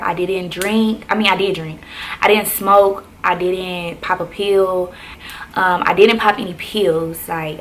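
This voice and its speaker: A woman's voice: on the low side, a bit bright, slight background noise. A young woman vlogger, telling a personal story in casual chat, full of fillers. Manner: conversational, many fillers like "like" and "um".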